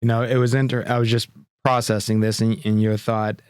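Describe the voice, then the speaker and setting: A male podcast host with a smooth, resonant voice reflects back on his guest's words and asks open questions. He sounds affirming. The recording is dry and right on the mic. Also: fairly low pitch, level tone, fairly quick, no echo. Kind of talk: interview conversation.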